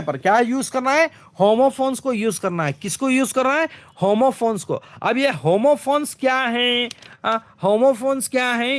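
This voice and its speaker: A man walking through exam questions as a teacher, asking a question and answering it himself, with many fillers. He slows right down to read English lines word by word and keeps urging viewers to comment quickly. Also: extremely high pitch.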